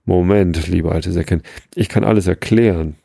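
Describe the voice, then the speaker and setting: A man's voice: deep voice, moderate pace, vocal fry, warm tone, husky, no room sound, clean studio sound, exaggerated voice. A man reading the part of a cheerful, kindly old Santa Claus in a storybook, with a jovial, explaining manner.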